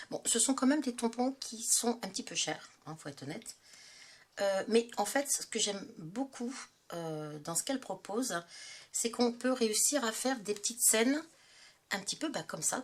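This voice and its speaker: A woman's voice: medium pitch, a little hiss or hum. Chatty woman with a head cold. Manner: chatty, hesitant with many fillers. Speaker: craft channel host. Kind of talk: casual tutorial narration.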